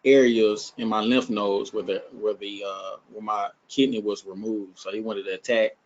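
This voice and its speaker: A man with an Alabama accent speaks in a fairly low voice. He talks casually, like the host of a support meeting. The sound is somewhat dull, as on a video call. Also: fairly even intonation, moderate pace. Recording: muffled video-call audio.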